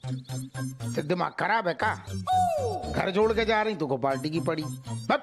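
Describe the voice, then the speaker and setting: A man's voice: fairly high pitch, expressive, measured pace, over music. An actor playing a blustering, henpecked police constable who grumbles about his wife and father-in-law. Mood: grumbling. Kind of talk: sitcom acting.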